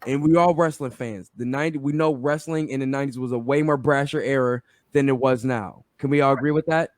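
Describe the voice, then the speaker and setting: A man's voice: mid-range voice, steady tone, brisk, no room sound, studio quality. A man hosting a casual podcast debate, repeating phrases and restarting as he builds his point.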